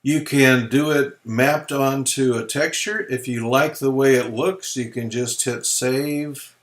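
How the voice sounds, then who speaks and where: A man presenting a software tutorial, explaining features in a relaxed, folksy way as he clicks through them. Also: mid-range voice. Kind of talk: screen-recorded software walkthrough.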